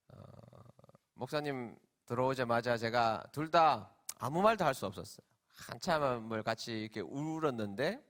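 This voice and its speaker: A middle-aged man, a senior pastor, preaching a sermon as emotional storytelling that swings from loud, stretched emphasis to hushed quiet. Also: medium pitch.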